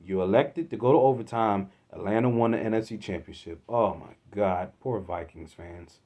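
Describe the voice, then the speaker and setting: A man from Philadelphia hosting a solo sports podcast, exasperated, swinging from loud outbursts to low muttering. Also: moderate pace. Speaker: podcast host.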